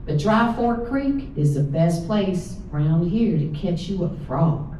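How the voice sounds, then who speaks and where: At a live indoor reading, an author with a Southern US accent shares her folksy first-person stories in a drawl, her mellow voice on the low side, expressive, and slow. The sound is captured from far off in an echoey room with faint noise.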